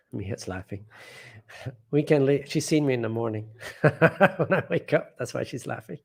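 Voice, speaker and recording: Hosting a casual live stream from home, a man reads viewer comments aloud and rambles, often trailing off and starting over. His medium-pitched voice has lively intonation, vocal fry, and a darkish tone, and he talks a little slowly with frequent pauses.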